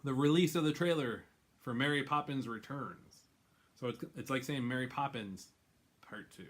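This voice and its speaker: A man's voice: mid-range voice, normal speed, fairly bright tone. A man hosting a drawing show, chatting casually and rambling, laughing often. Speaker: host. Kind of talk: casual chat.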